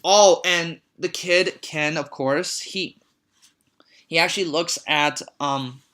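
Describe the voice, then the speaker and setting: A casual film recap from a reviewer with a bright, forceful voice at a mid pitch. The talk stumbles and restarts constantly and repeats words. It drifts into disbelieving, amused asides. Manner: rambling, halting, with many restarts and repeated words; easily amused, reacts with disgust and disbelief. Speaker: movie reviewer.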